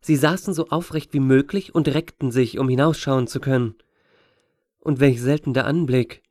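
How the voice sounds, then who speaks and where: Steady male audiobook narrator. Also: mid-range voice, moderate pace, no room sound, clean studio sound. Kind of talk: scripted narration.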